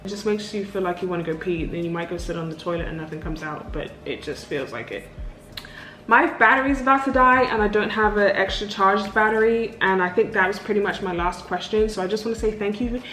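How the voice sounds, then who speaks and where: A woman's voice: mid-range voice, fairly quick, fairly bright tone, reverberant, low-quality recording. A young woman answering viewer questions in a casual sit-down vlog, candid and chatty, swearing freely. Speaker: vlogger.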